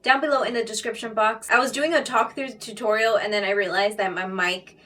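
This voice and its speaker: A woman's voice: a little high, steady tone, a little fast, bright, forceful tone, recorded from a distance. A woman beauty vlogger chatting casually and directly to her viewers about makeup. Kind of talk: casual makeup vlog talk.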